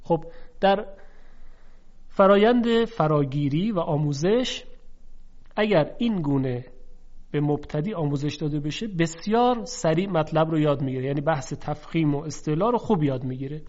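Man, recitation teacher, fairly high voice, deliberate, contrasts sounds slowly, muffled lo-fi recording. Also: a little mellow. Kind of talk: instructional lesson. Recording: dull lo-fi recording.

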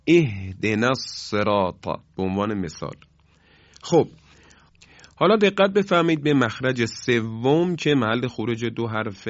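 A man teaching Quran recitation in a broadcast lesson, speaking politely and measured, stretching out example words slowly. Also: medium pitch, no echo. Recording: dry, dull lo-fi broadcast sound.

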